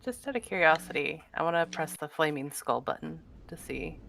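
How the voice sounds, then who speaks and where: A woman's voice: low voice, expressive, normal speed, vocal fry, fairly bright tone. A woman playing a tabletop role-playing game, chatting casually as a player.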